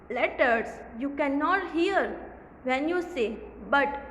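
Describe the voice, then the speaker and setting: A woman teacher with an Indian English accent gives a grammar lesson to young pupils, switching between Hindi and English and slowing down to read English lines aloud. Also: sits high. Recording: roomy echo with long reverb, faint background noise.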